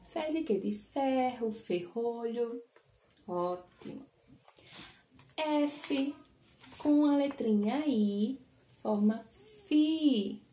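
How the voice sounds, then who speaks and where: A woman's voice: fairly high pitch, warm tone, a little hiss or hum. A woman with a Brazilian Portuguese accent teaching a phonics lesson to small children, stretching out syllables and asking coaxing questions. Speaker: preschool teacher. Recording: roomy echo.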